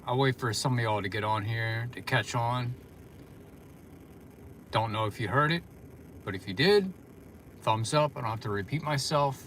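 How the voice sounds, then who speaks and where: A man's voice: mid-range voice, moderate pace, pauses often, a bit bright, a little hiss or hum. A tired man chatting casually on a livestream from his parked car, rambling with lots of fillers. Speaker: vlogger.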